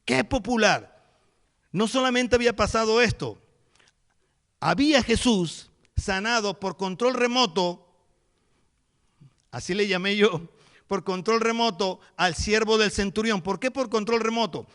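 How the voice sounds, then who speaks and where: A man's voice: high-pitched, unhurried, pauses often, fairly bright tone. A man preaching a sermon as pastor, telling the story vividly and acting out the scenes.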